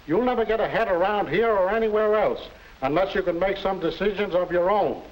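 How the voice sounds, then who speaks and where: A man's voice: sits high, fairly quick, close to an everyday voice, low-quality recording. A man acting as an impatient boss in a 1950s educational film, scolding sharply. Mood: irritated.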